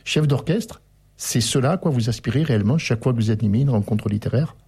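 A man hosting a radio book interview, reading passages aloud with animated emphasis. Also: mid-range voice, fast, breathy edge. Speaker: radio host.

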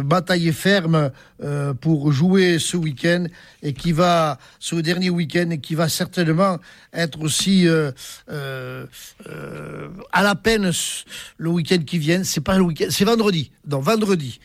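A man's voice: on the high side, gravelly, dry recording, clean studio sound. A man presenting a local radio sports round-up, hesitant, with many fillers and restarts.

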